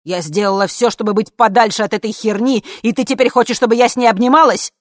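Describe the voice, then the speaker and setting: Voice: medium pitch, a little fast, no echo, lightly acted. A reader voicing a bitter, furious older mother who screams and scorns, in a dry studio reading. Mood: furious shouting. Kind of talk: audiobook character reading.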